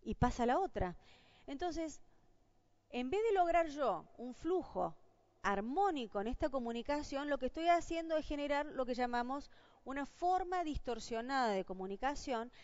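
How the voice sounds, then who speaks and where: Lively Argentine woman lecturing a class. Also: high voice, dry recording. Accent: Argentine Spanish. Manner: lively, rhetorical questions to the audience. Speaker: lecturer on job interviews. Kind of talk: university lecture. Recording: dull lo-fi dry sound.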